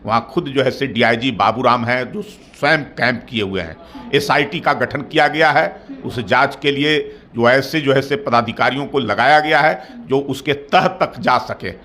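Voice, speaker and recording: A middle-aged man, speaking as a party spokesperson in a formal interview, measured and repetitive, building into firm claims. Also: medium pitch, sharp tone. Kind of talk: formal political interview answers.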